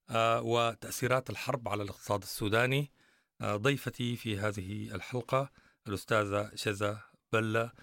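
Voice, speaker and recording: A man's voice: on the low side, fairly bright tone, no room sound, clean studio sound. A man with a Sudanese accent hosting a public radio interview.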